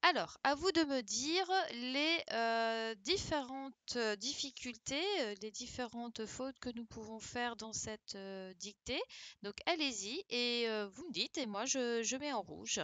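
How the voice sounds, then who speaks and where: A woman teacher correcting a dictation live for her pupils, patient and encouraging, reading words out slowly. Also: fairly high pitch, a bit bright, no echo. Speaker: primary school teacher.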